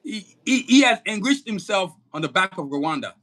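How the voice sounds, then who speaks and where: A man's voice: high-pitched, sing-song, moderate pace. A man on a podcast ranting angrily about politics, cursing and emphatic. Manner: angry, cursing, emphatic, shouting at times. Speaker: podcast co-host. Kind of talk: heated political podcast rant.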